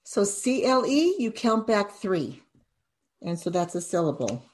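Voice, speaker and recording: A woman teaching a phonics lesson, speaking slowly and deliberately and repeating each step aloud as she writes and draws. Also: mid-range voice, very animated, a little mellow, slight background noise. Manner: slow, deliberate, repeats steps aloud while drawing.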